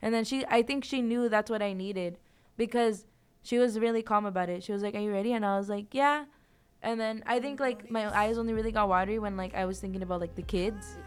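A woman's voice: mid-range voice, brisk, clear, resonant tone. A young woman co-hosting a podcast, telling family stories in a casual chat full of fillers. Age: young adult. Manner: storytelling, filler-heavy.

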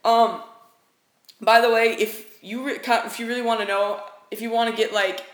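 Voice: mid-range voice, level tone, normal speed. A young co-host of a casual gaming podcast, joking and teasing in banter. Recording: echoey room.

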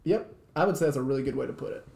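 A man's voice: mid-range voice, very fast, gravelly, a little mellow, echoey room. A man co-hosting a podcast in casual chat, rambling with many restarts and fillers. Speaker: podcast co-host.

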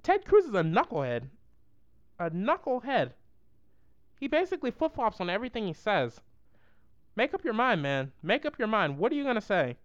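A vlogger giving a casual, slangy and rambling political roast, with a clear voice. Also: medium pitch, big pitch swings, moderate pace, pauses often, no room sound, highs cut off.

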